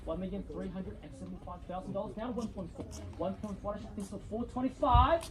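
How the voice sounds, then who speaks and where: Very high-pitched male property auctioneer. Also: fast talker. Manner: showy, rallying patter urging bidders. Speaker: real estate auctioneer. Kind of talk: live auction calling, repeating bid amounts. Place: live property auction before a crowd.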